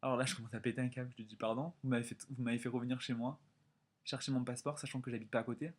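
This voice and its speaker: A young man in his twenties from France telling a story in a casual vlog, animated and chatty with lots of quoted dialogue. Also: mid-range voice, very fast. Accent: French. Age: 20s. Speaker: vlogger.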